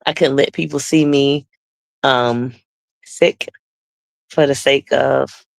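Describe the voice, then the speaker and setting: A woman's voice: very deep voice, fairly even intonation, takes it slowly, creaky, no room sound. A woman guest telling her personal testimony conversationally, acting out the dialogue she quotes.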